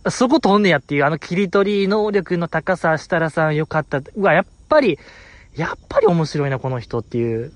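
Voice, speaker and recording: A young man talks in a Kansai accent, his pitch sitting a bit high for a man and leaping up and down as he gets excited. He chats casually as a solo podcast host, laughing and acting out quotes in a squeaky voice. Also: normal speed, dry recording. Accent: Kansai Japanese. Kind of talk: solo casual chat about a variety show.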